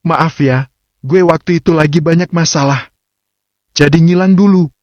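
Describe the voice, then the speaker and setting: Casting: a man putting on a teasing young wife, raised falsetto, lo-fi dry sound. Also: normal speed, darkish tone, dry recording, close to an everyday voice. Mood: chatty. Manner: bubbly, slangy, teasing. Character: young woman, playful wife, sassy. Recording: dull lo-fi dry recording.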